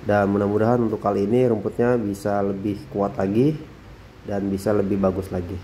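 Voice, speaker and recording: Low mellow man narrating drone footage. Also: a little fast, a little hiss or hum. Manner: calm, repeats phrases, frequent tag "ya". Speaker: drone vlogger.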